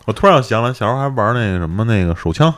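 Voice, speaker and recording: Fast-talking, low-pitched Beijing man. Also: lively intonation, a bit bright. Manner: blunt, slangy, swears freely. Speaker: podcast co-host. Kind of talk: casual chat, reminiscing.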